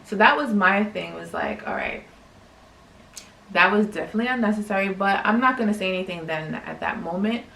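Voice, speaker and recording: A young woman from New York, a teacher, telling a casual story to camera in a chatty, animated way with lots of "like". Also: mid-range voice, a little fast, vocal fry, reverberant, recorded from a distance, poor audio. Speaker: vlogger and teacher.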